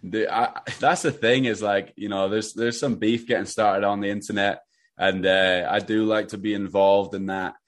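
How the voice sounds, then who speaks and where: Deep-voiced young Scottish man. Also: normal speed. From Scotland. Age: 20s. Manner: relaxed, rambling with many restarts. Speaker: interview guest, runner. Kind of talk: casual interview.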